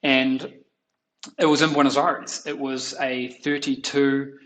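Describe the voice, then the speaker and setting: A man's voice: medium pitch, level tone, slow pace, fairly bright tone, rough recording. Male podcast host, 30s, mid-range voice, conversational and anecdotal. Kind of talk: conversational interview.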